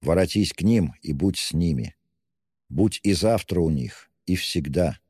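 Brooding feverish young man, slow and grave, deep dark voice, played by a male reader. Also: lively intonation, husky, no room sound, studio quality, in a large hall, exaggerated voice.

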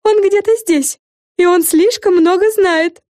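A woman's voice: extremely high pitch, measured pace, darkish tone, no room sound, studio quality, voice pushed up. A woman voicing a vain, bossy young fairy girl in a storybook reading, talking in a self-important way.

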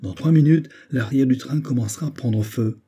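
A man voicing a commanding male engineer who gives curt, urgent orders in a storybook reading, his voice dark and husky. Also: mid-range voice, moderate pace, voice pushed up, close to an everyday voice.

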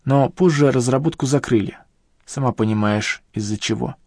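A man's voice: moderate pace, darkish tone, no room sound, clean studio sound, natural voice. Man voicing a grumbling old professor. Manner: grumbling, complaining, raised pitch over the reader's own. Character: grumbling elderly male professor, rueful and defensive. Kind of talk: audiobook character reading.

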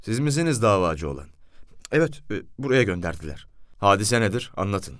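A man's voice: lowish voice, big pitch swings, fairly quick, a bit bright, no room sound, studio quality. A man voicing a barking, stern police commissioner. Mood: brusque. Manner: barking, authoritative commands. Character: stern, short-tempered male police commissioner. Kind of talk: audiobook character voice.

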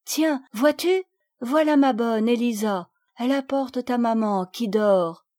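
A brave, tender young girl from a storybook reading, as a woman puts her on, speaking urgently and soothingly. The voice is pitched a little above a woman's usual talk. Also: slow, darkish tone.

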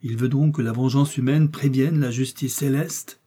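A man's voice: medium pitch, moderate pace, dark tone, slightly rough. A man voicing a fervent young puritan officer in an audiobook, with exalted, pleading outbursts. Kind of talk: audiobook character reading.

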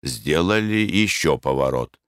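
Man, audiobook narrator, measured, lively intonation, dry close sound. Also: rumbling low, smooth, dry recording.

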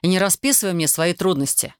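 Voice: medium pitch, fast, smooth, no room sound, clean studio sound, natural voice. A reader voicing a stubborn young male officer who answers in a curt, restrained way in an audiobook. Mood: indignant. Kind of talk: audiobook character voice.

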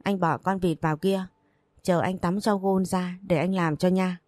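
A woman reading the lines of a young father who gently scolds and teases, in a plain audiobook reading voice. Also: on the low side, fairly even intonation, normal speed, dry recording, close to an everyday voice. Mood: teasing, scolding. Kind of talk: audiobook narration.

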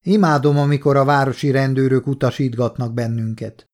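A man reading an audiobook, voicing a gruff, scornful male partisan commander who talks in blunt, mocking orders. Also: mid-range voice, steady tone, darkish tone, natural voice.

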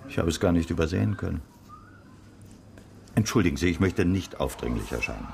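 In a radio drama, a male actor plays a courteous, observant former private detective, polite and probing, sounding curious. His gravelly voice sits low and is expressive, brisk and a little mellow.

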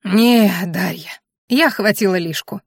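Woman doing an excitable old grandmother. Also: medium pitch, a little slow, creaky, no echo, clean studio sound. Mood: excited. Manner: exclaiming, nosy, teasing. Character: lively meddling old grandmother, loud and excitable.

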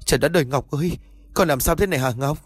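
A heartbroken mother who cries out and wails, voice pitched up above the narrator's own, as a male storyteller puts her on. Dry and close, faint music underneath. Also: fast, husky, dry recording. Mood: wailing. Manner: wailing. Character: wailing grief-stricken mother.

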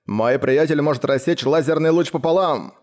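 A loud, cocky biker full of swagger, as a male reader puts him on. He mocks and boasts, pitched well above the reader's own voice. His speech is quick and brash. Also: natural voice. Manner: swaggering, mocking, indignant.

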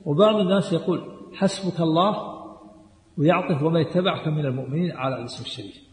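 Brisk emphatic man teaching in a hall. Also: fairly high pitch, animated. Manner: emphatic, repeats key points, drops to quiet asides. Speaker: Islamic scholar teaching a text. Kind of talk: religious lesson explaining a book. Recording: echoey hall recording.

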